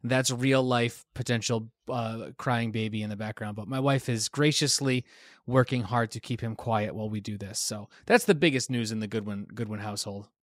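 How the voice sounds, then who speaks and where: A man's voice: fairly low pitch, normal speed, dry recording, clean studio sound. A man hosting a podcast in casual chat, laughing often and filling with ums, tired from a newborn at home. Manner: laughs often, filler-heavy, relaxed. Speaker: podcast host.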